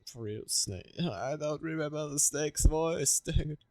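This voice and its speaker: A man's voice: on the high side, unhurried, darkish tone. A man streaming a game, reading dialogue aloud with casual asides and stumbling over words now and then. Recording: game music behind the voice. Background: game music.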